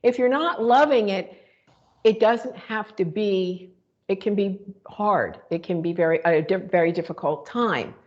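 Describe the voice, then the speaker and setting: A woman's voice: mid-range voice, unhurried, dull audio. A woman co-hosting a spiritual talk show, reflecting aloud in a rambling way with many fillers and restarts. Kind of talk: casual spiritual conversation.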